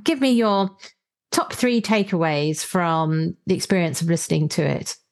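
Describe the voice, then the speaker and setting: On her conversational book review podcast, this woman talks a little slowly in a lowish, animated voice. She discusses books by chatting, explaining, and working through her thoughts aloud.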